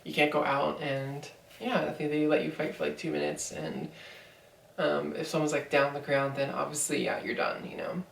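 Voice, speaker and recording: A woman's voice: low voice, fairly even intonation, moderate pace, gravelly, distant mic, a little hiss or hum. A young woman in her twenties telling a story in a casual vlog, rambling with lots of fillers. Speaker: vlogger. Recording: echoey room, voice from off mic.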